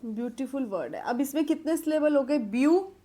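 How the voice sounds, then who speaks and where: A woman teacher with an Indian accent giving a vocabulary lesson, mixing Hindi and English, addressing students as "beta" and dictating definitions slowly while she writes. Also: high voice, lively intonation, mellow.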